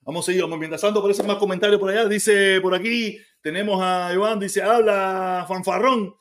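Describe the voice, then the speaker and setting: A man's voice: high voice, fairly even intonation, fairly bright tone, slight background noise. A man from Cuba with a Cuban accent, hosting a casual livestream and answering viewer comments in a heated, argumentative way. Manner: heated and argumentative, talks fast and repeats himself. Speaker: livestream host.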